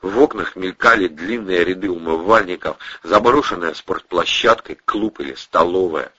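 A man with a husky voice narrating an audiobook expressively, voicing every character himself, in a dull, dry recording. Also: low-pitched, normal speed, bright, forceful tone, no echo.

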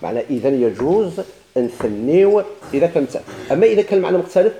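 A man's voice: fairly high pitch, sing-song, rapid-fire, dark tone, reverberant, rough recording. A man with a Moroccan Arabic accent teaching a grammar lesson, asking questions and answering them himself with repeated examples.

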